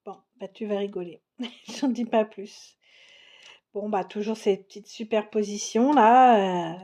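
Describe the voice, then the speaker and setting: A woman's voice: medium pitch, measured pace, dark tone. A woman narrating a crafting unboxing in a casual, chatty way, exclaiming over each item. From France. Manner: chatty, enthusiastic, exclaims and laughs often. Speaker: crafting vlogger.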